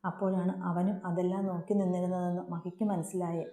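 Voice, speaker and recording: A woman reads a serialized family story aloud in a steady, earnest manner. Her voice is mellow and warm rather than bright. The recording carries a clear room echo. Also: on the low side, a little fast. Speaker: story narrator. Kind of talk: storybook narration. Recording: roomy echo.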